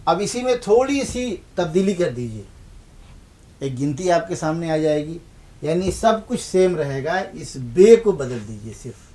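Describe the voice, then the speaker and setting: Teaching the Urdu script on a televised language lesson, a man speaks in a warm, sing-song voice that sits on the high side. He asks questions and answers them himself with patience, repeating points to drive them home.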